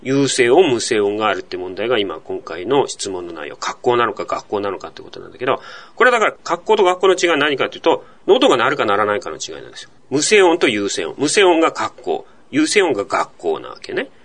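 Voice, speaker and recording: A man's voice: mid-range voice, sing-song, quick pace, hardly any pauses, fairly bright tone. A man hosting a language podcast, explaining pronunciation patiently and asking rhetorical questions. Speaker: podcast host teaching Korean.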